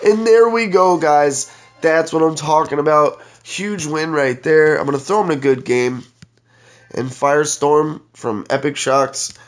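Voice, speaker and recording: A congested young gaming channel host, his nose stuffed up, gives chatty play-by-play of his own mobile game match, talking straight to viewers and calling them guys. His voice is fairly high and a little slow, with soft music playing behind him.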